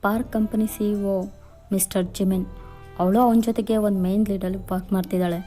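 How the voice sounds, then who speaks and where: A woman's voice: medium pitch, steady tone, moderate pace, dark tone, faint music behind, natural voice. A woman doing a cold, ruthless rich father. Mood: scheming. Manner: cold, domineering, threatening. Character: ruthless rich older father threatening a girl. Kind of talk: fan fiction voiceover.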